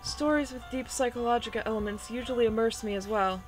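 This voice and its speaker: A woman voicing a shy, gentle, bookish young woman, soft and hesitant, while reading a visual novel aloud. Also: fairly high pitch, quick pace, music in the background, lightly acted, low-quality recording. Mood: thoughtful.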